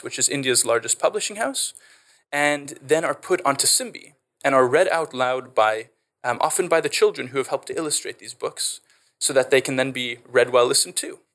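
A man's voice: medium pitch, a bit bright. A man with a Canadian South African accent, an edtech founder explaining his work in a podcast interview with eager, fluent enthusiasm.

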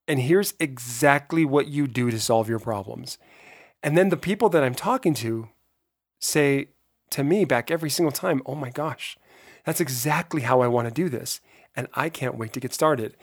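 A man with a hoarse voice giving an earnest, emphatic motivational podcast monologue, talking straight to listeners. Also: mid-range voice. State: hoarse voice from being run down. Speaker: podcast host.

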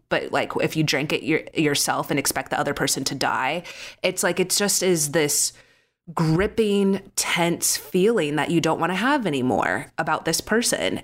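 A woman co-hosting a talk show who tells a personal story openly and expressively, laughing often as she talks. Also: deep voice.

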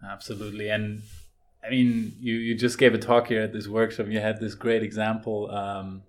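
A man hosting an interview, asking follow-up questions in a soft-spoken way and offering brief affirmations. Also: lowish voice, flat delivery, moderate pace. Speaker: podcast host.

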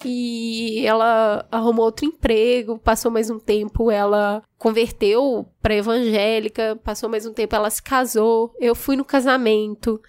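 A woman's voice: on the high side, measured pace, few pauses, smooth, no room sound. A woman from Belo Horizonte, co-hosting a talk show and telling a personal story in casual chat, acting out the quoted dialogue. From Belo Horizonte, Brazil. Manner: animated, acts out quoted dialogue.

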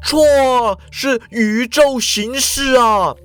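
A man's voice: very high voice, drawn-out words, fairly bright tone, clean tone, soft background music, voice pushed up, full character voice. A man voicing a depressed, cowardly former superhero who whines and wails. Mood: flustered. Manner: whiny, panicky, wailing.

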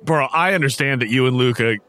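A man's voice: mid-range voice, a bit bright, close to an everyday voice. A man playing a worried, protective sea-captain dad. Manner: stern, reasoning, with quick laughs. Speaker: game master voicing a character.

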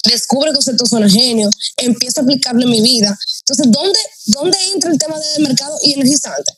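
A woman's voice: high-pitched, fairly quick, a loud crowd, rough recording. A woman from the Dominican Republic with a Dominican Spanish accent, an entrepreneurship mentor and podcast guest telling her own story and acting out her inner dialogue. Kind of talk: podcast conversation, personal storytelling.

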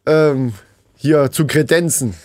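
Higher-voiced man bantering casually, dry close sound. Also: slow pace, a little mellow, no echo. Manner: informal, colloquial, joking. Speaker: podcast co-host.

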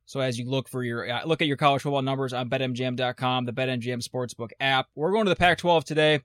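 Co-hosting a casual sports betting podcast, a man is blunt and teasing, aiming wry, sarcastic jabs at his partner. He has a mid-range, fairly bright voice with fairly even intonation and a quick pace, recorded cleanly in a studio with no room sound.

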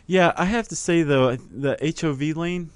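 A man's voice: a little high, moderate pace, clean tone, dry recording. A man co-hosting a podcast in casual chat, explaining ideas in a talkative, thinking-aloud way. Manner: explanatory, chatty, many fillers and restarts. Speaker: podcast co-host.

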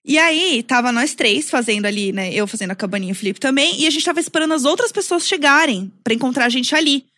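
A young woman with a high voice tells a story on a podcast, animated and loose, with plenty of fillers. The sound is close and dry, with no room around it. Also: quick pace, hardly any pauses, dry recording. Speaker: podcast co-host. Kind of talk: casual chat among friends.

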